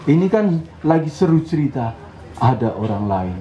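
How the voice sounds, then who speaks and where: A male preacher voicing a sly devil who coaxes people to put things off, in a lower, softer, persuasive tone. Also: big pitch swings, normal speed, natural voice. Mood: coaxing. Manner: lazy, smooth-talking persuasion to put things off. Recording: roomy, slightly dull hall recording.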